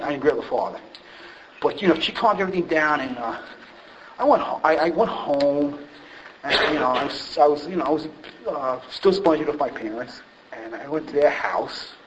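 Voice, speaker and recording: A man telling a rambling, self-deprecating personal story about his drinking, full of fillers and restarts. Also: a little high. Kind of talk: personal recovery story told to a group. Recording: dull lo-fi recording, faint hiss.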